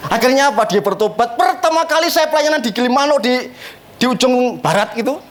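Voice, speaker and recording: Male pastor, animated and funny storyteller, swooping lively delivery, higher voice, church sermon. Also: a little fast. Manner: animated, joking, laughs often at his own stories.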